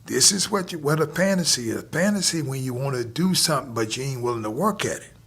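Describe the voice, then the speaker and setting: A man doing a gruff old boxing coach. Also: mid-range voice, lively intonation, quick pace, fairly bright tone. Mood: stern.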